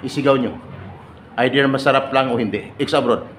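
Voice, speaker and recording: Guy joking around at a seminar, laughs a lot, echoey room, loud crowd noise behind. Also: mid-range voice, fairly quick. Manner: teasing, laughing often, quizzing the crowd. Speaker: seminar speaker for overseas workers. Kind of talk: joking seminar talk to a live audience.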